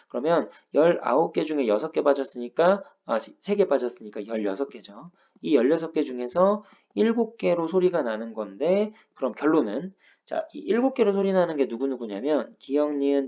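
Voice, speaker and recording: A man lecturing as a language teacher, walking through each rule patiently, one step at a time. His voice is dark and mellow, with a lively rise and fall of pitch. The sound is a little dull and lo-fi. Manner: patient step-by-step explaining, frequent "ja" prompts. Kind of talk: lecture explaining grammar rules.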